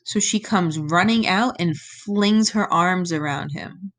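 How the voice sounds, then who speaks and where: A woman teaching a recorded lesson, reading a myth aloud and explaining it step by step. She keeps checking in with her students and gives the quoted lines an animated voice. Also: lowish voice, slow pace.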